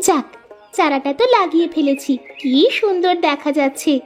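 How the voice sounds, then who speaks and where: An eager, earnest orphan village girl in a cartoon with a moral is played by a woman whose natural voice is high and paced normally. The character exclaims and thinks out loud to herself, while music plays behind her.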